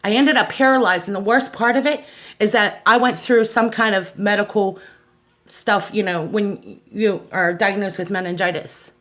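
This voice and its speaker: In a fairly bright, medium-pitched voice with fairly even intonation and a moderate pace, the host of a personal awareness show gives an unscripted testimonial. This American woman is outspoken and aggrieved, emphatic, and repeats phrases for stress.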